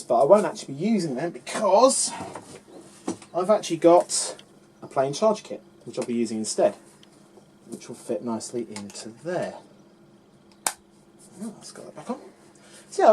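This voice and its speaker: A man's voice: medium pitch, warm tone, a little hiss or hum. A man giving casual, chatty commentary to the camera as he unboxes a games console at home, talking to the items as he handles them. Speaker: unboxing vlogger.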